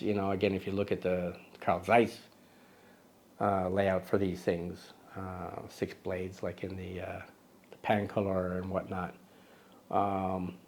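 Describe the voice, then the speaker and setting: Male vlog host, lowish pitch, chatty and digressive, self-correcting with jokey asides, outdoor recording. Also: a little hiss or hum. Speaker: host of a camera lens video. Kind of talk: casual vlog lens review.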